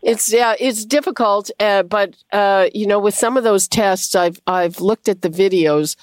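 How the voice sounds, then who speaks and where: A woman's voice: mid-range voice, unhurried, dry recording. A woman hosting a call-in radio show, talking with frequent fillers and restarts. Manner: hesitant, many fillers and restarts. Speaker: radio host.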